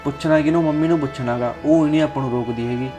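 A man's voice: medium pitch, steady tone, racing, lightly acted. A young man with an Indian Punjabi accent plays a husband comforting his wife in a village family drama. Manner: reassuring, soothing. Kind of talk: village web drama acting. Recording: background music under dialogue.

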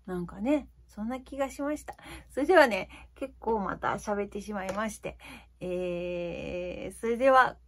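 A woman in her fifties tells her viewers a story in a casual, confiding way. Her voice is slightly husky and breathy, sitting at a middle pitch. She rambles a little and leans on fillers as she talks. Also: measured pace. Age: 50s. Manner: chatty, confiding, frequent fillers. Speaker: vlogger.

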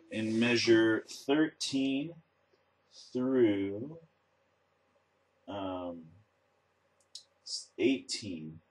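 A man giving a methodical, step-by-step guitar lesson as a teacher, explaining in a measured way. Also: deep voice, poor audio. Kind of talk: instructional demonstration with step-by-step explanation. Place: indoor room with instruments. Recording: acoustic guitar playing around the voice. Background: acoustic guitar notes and plucking.

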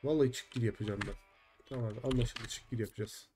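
A man's voice: mid-range voice, steady tone, quick pace, mellow, soft background music. Frustrated young man streaming a game. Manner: frustrated, swears often, chats with viewers. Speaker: gaming streamer. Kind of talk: live game stream chat.

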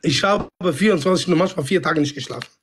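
Man, high voice, halting slangy storytelling, noisy phone livestream. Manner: halting, repetitive non-native phrasing with street slang. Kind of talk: casual livestream chat, storytelling. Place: indoors in a room at home. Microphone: phone at arm's length.

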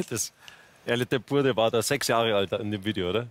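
A man's voice: fairly low pitch, brisk. A man, chatting casually and jokingly as a ski expert guest in a TV studio, speaking into a headset mic. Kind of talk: casual talk-show chat. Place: TV studio with audience.

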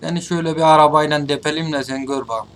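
A man giving gameplay commentary, taunting his opponents, muttering at some moments and shouting at others. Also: fairly high pitch, steady tone, fast talker, slight background noise. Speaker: gaming streamer. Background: game gunfire.

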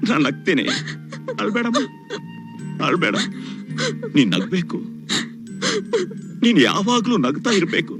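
An actor playing a grieving young son who reproaches his mother and then pleads with her, over a film score. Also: sits high. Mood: pleading. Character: grieving young adult son, bitter yet tender. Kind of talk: film drama acting. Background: film score over the dialogue.

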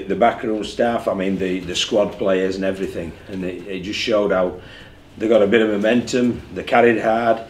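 A man in his sixties talks through a match at a press conference, in a fairly low voice. He speaks candidly and repeats words as he gathers his thoughts. The small room is echoey, with a faint hum behind him. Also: a little mellow. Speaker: rugby league head coach. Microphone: desk mic in front of him.

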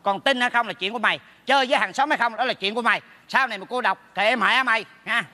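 A man's voice: extremely high pitch, pushed and bright, heavily acted. A man playing a meddling neighbor in a stage comedy sketch, brash and teasing. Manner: brash, teasing, rapid scolding. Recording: stage hall with long reverb.

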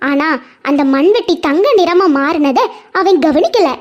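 A woman narrates a cartoon moral story with a Kanyakumari Tamil accent. Her voice is very high and light. She tells it simply, like a storybook. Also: expressive, unhurried, muffled recording.

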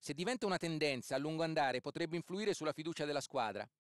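A man with an Italian accent giving co-commentary on a football video game, analysing play in full, measured sentences. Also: on the high side, animated, dry recording, clean studio sound. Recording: loud stadium ambience behind the voice. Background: loud stadium ambience.

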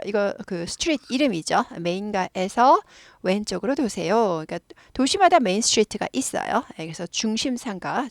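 A woman, a native Korean speaker, explains an English dialogue as a lively teacher who repeats phrases for drilling. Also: medium pitch, gravelly, no room sound, studio quality.

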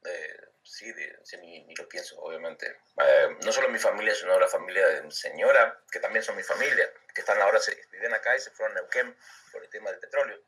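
A middle-aged Argentine interview guest, originally from Comodoro Rivadavia, talks briskly in a low, slightly bright, breathy voice with an Argentine Spanish accent. The chat is casual, and he laughs freely, thinking aloud with stumbles and repeated words. The audio is low quality, recorded from a distance.

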